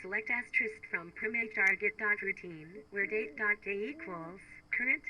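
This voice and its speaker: A woman voicing a robot girl's operating system as it boots up, reading out status lines in a flat, clipped machine manner. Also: medium pitch, normal speed, faint music behind, rough recording. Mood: booting robotic. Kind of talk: video game voice acting.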